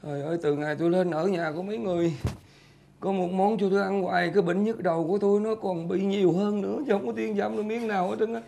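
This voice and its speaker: A man's voice: sits high, fairly even intonation, vocal fry, warm tone, slight background noise. An actor playing a fretful old father who stammers and repeats himself in a comedy sketch. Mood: weary. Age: older. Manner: halting, stammering repetitions.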